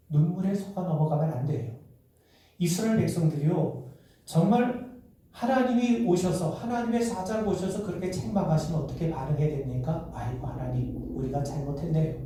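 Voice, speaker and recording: Middle-aged male pastor, mellow dark tone, sermon with rhetorical questions, distant mic in a reverberant church. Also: high-pitched. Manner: acts out quoted voices in dialogue. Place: church sanctuary. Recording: echoey church from far off.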